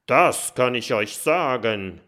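A man voicing an excitable little male mole who warns and explains in an urgent way, in a storybook reading. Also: mid-range voice, slow. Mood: urgent warning. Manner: urgent, warning.

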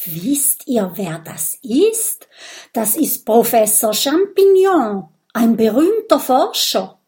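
A woman voicing a curious, bookish little boy fire dragon, eager and lively, in a children's audiobook. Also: fairly high pitch, takes it slowly.

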